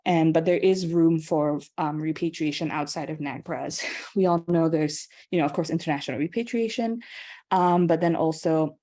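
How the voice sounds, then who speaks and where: Young woman lecturing over a video call, low voice, lots of ums and little laughs. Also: normal speed, dark tone. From Singapore. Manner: casual and chatty, many ums and light laughs. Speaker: guest lecturer. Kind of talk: online lecture.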